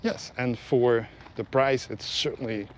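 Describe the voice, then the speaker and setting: A man's voice: medium pitch, fairly even intonation, measured pace. A man giving casual, rambling commentary as he hosts a walking vlog outdoors. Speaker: vlog host. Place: outdoors, walking along a road. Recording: faint outdoor ambient and vehicle noise. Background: faint ambience, vehicles.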